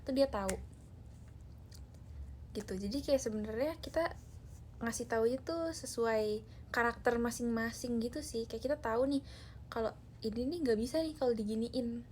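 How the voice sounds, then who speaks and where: Speaking at a fairly high pitch with a darkish tone, an idol group member chats casually with viewers on a phone live stream. The young woman talks loosely, full of fillers, and a little hiss or hum is audible.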